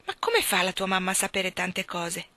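A woman's voice: on the low side, sing-song, moderate pace, sharp tone, no echo, full character voice. Lonely eager young girl, read by a woman. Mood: curious.

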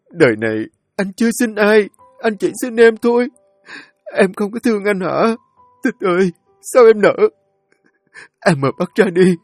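A man's voice: medium pitch, a little mellow, no echo, natural voice. A man voicing a grief-stricken young husband who pleads tearfully with his dying wife. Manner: sobbing, pleading, voice breaking.

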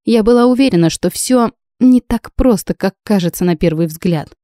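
A woman reading a first-person audiobook in an even, steady manner. Her tone is mellow and soft-edged, and the recording is dry and close to the mic. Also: medium pitch, normal speed, no room sound. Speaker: narrator. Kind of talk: audiobook narration.

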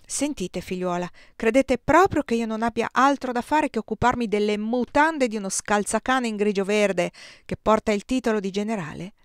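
A woman's voice: fairly high pitch, moderate pace, few pauses, clear, resonant tone, no room sound, studio quality, lightly acted. Woman reading as a blustering army colonel. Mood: brusque. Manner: brusque, blustering, shouts when annoyed. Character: gruff older male army colonel.

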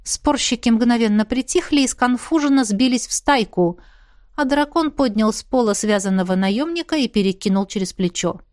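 Woman reading an audiobook, expressive. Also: a little high, normal speed, dry recording, clean studio sound. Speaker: audiobook narrator. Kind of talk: first-person audiobook narration.

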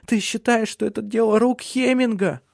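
A man voicing a gentle young wife and mother in an audiobook reading. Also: fairly high pitch, expressive, moderate pace, no room sound, studio quality, pitched above the performer's own voice. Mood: alarmed. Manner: soft raised voice for a woman.

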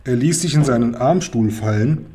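A man reading a children's book aloud as narrator, in a lively storytelling manner. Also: mid-range voice, moderate pace, slightly rough.

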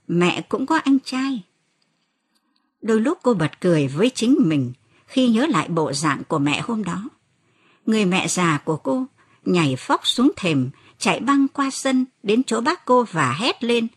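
A woman narrating an audiobook novel in an expressive reading voice. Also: medium pitch, breathy edge. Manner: expressive reading, lifts her voice for quoted cries.

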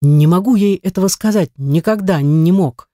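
Mellow, dry first-person audiobook narration. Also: medium pitch, normal speed, no room sound.

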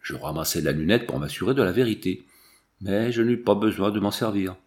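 A man reading a classic adventure novel aloud in steady, measured narration, with slight shifts for the quoted voices. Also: fairly low pitch. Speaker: audiobook reader.

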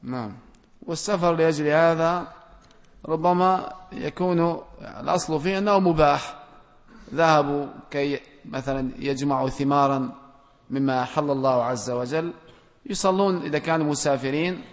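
A religious scholar, a man, reads out audience questions and answers each with plain, direct rulings. His voice sits a little high and he gently admonishes his listeners. Long reverb trails behind him, as in a mosque or large lecture hall. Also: moderate pace, pauses often.

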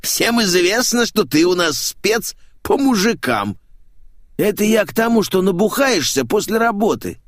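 A man voicing a loud, flamboyant man who dresses like a parrot, brash and slangy, in an audiobook. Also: high-pitched, big pitch swings, dry recording, clean studio sound, voice pushed up. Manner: brash, slangy, drawn-out exclamations. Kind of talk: audiobook character voice.

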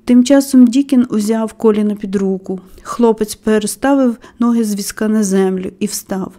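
A woman reading a children's novel aloud as audiobook narrator, with expressive storytelling. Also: medium pitch, moderate pace. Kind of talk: scripted narration.

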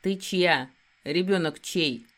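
A woman's voice: fairly low pitch, slow pace. A woman voicing a muscular male werewolf in an audiobook, curt and close to growling. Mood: menacing.

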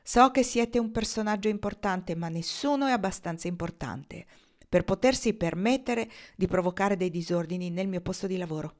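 A gruff old-west shopkeeper, voiced by a woman reading a novel aloud mutters quiet, steady threats. He never raises his voice, and his low, deep tone carries the menace. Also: moderate pace, lightly acted. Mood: calm menace.

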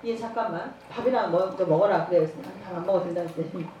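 A woman's voice: lowish voice, very fast, highs cut off, slight background noise. A woman giving a sermon with a personal testimony. She acts out dialogue as she tells the story and laughs often. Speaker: evangelism trainer. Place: church. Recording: echoey church hall, mic at a distance.

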